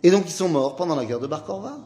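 Animated, questioning male Talmud teacher. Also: on the high side, fast, a little hiss or hum. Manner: animated, asks questions and answers them himself; casual and slangy. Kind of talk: informal Talmud class with students.

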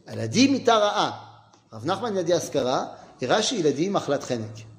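A man's voice: fairly high pitch, sing-song, a little fast. A man teaching an informal Talmud class, asking questions and then answering them himself in a casual, slangy way.

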